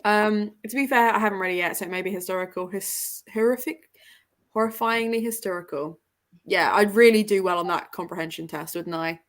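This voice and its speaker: A woman with a medium-pitched voice talks briskly while hosting a casual book livestream with guests. She chats and reads out comments, joking around and poking fun at herself.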